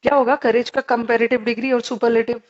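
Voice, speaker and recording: A woman's voice: on the high side, level tone, fast, highs cut off. A woman with an Indian English accent teaching a live online grammar class, explaining in Hindi mixed with English and asking her students questions.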